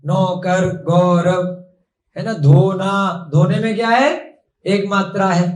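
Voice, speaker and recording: A man's voice: sits high, flat delivery, takes it slowly, a little mellow, roomy sound. A young man teaching a classroom lesson, patiently asking the class questions.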